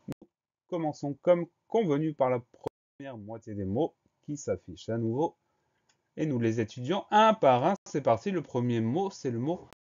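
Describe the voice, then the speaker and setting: Man teacher spelling stuff out letter by letter, calm and patient, kinda muffled audio. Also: medium pitch. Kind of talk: slow dictation lesson.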